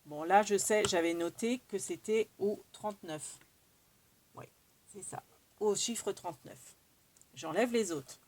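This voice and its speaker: A woman with a French accent talks viewers through a hands-on craft demo in a loose, chatty way. She thinks aloud as she works, filling pauses with little asides, at a middling pitch. A faint noise sits under the recording. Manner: chatty, thinks aloud while working, many fillers. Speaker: craft tutorial host. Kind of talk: casual craft demonstration.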